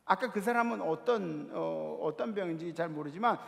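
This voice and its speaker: A man preaching a sermon to a youth congregation, telling stories with lively energy and acting out the shouted lines of the people in them. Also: a little high, normal speed, creaky. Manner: animated storytelling, acting out shouted quotes. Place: church sanctuary. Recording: long hall reverb of a church.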